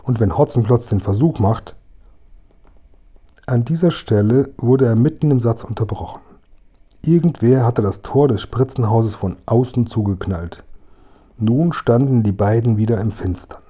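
A man narrating a children's storybook in a calm, measured way. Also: medium pitch. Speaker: audiobook reader.

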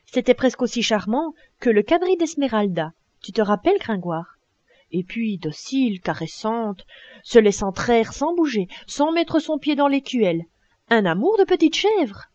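A woman narrating an audiobook tale in an expressive storytelling manner with many exclamations. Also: fairly high pitch, dry recording, muffled recording. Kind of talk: storybook reading.

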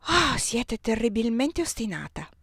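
A woman reading aloud and voicing a polite, ironic young official in a slightly lowered, measured voice. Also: sing-song, husky, no room sound, studio quality, full character voice. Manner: lower, quieter, measured delivery.

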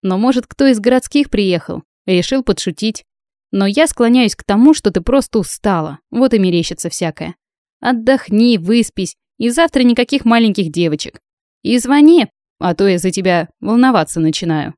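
A woman reading an audiobook, voicing a brash, teasing young female friend who talks loud and breezy. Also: mid-range voice, animated, normal speed, no echo, clean studio sound, voice pushed up, natural voice.

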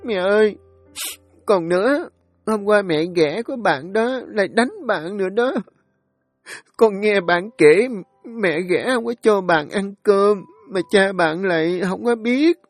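Male narrator voices a scared little kid, high and weepy, begging, in a storybook reading. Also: slow pace, no room sound, faint music behind. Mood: crying pleading. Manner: tearful, pleading, childlike. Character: small frightened child crying for its mother.

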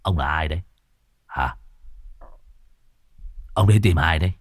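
A man voicing a brash young village man with a low, rough, curt way of talking. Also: a little slow, no echo, studio quality.

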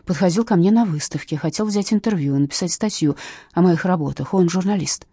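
A woman's voice: lowish voice, a little fast, mellow, slightly rough, no echo, studio quality. A woman reading a stammering, flustered young artist.

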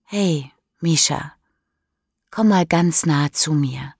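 Storybook teen boy, softly teasing, in a woman narrator's own low, slow voice, dry close sound. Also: creaky, slightly rough, no echo, full character voice.

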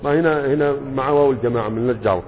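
A man's voice: medium pitch, rapid-fire, a little hiss or hum. A man with an Egyptian accent teaching a classroom lecture as a sheikh, explaining with rhetorical questions and often checking that students follow. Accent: Egyptian Arabic. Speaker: sheikh teaching Arabic morphology. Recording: tinny phone-like sound in a reverberant hall.

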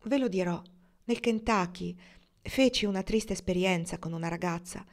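A woman's voice: on the low side, normal speed, natural voice. A woman reading the part of an earnest, romantic young gunslinger man, speaking in heartfelt declarations. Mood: wistful.

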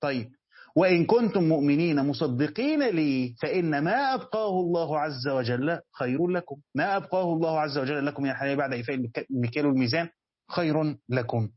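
A man's voice: fairly high pitch, lively intonation, quick pace, dry recording, highs cut off. A man with an Egyptian Arabic accent teaching a Quran commentary lesson. He asks his students questions and then answers them himself. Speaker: religious teacher.

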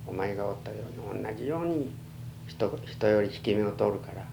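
Casting: elderly man, western Japanese accent, halting reminiscence, plain-spoken, noisy humming archival tape. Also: lowish voice, expressive, gravelly. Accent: western Japanese, Chugoku. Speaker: oral history interviewee. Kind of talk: reminiscing in an interview.

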